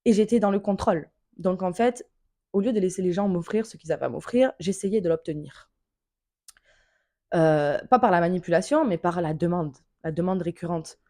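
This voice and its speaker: A woman's voice: fairly low pitch, normal speed, warm tone. A young woman talking candidly and emotionally in a personal vlog, informal and blunt, with slang and the odd swear word. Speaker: vlogger.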